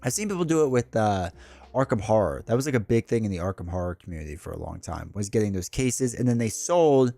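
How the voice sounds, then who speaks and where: Streaming a solo board game live from his home, a congested man chats in a loose, rambling way, packed with fillers and side comments. He talks fast in a fairly low, gravelly, mellow voice that stays animated, with soft music behind a dry recording.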